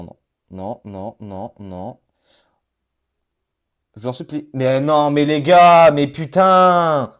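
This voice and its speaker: Male gamer host, lively pitch, rambling, yells at his team. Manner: excitable, rambling, bursts into yells. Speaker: gaming YouTuber. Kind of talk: casual let's-play commentary.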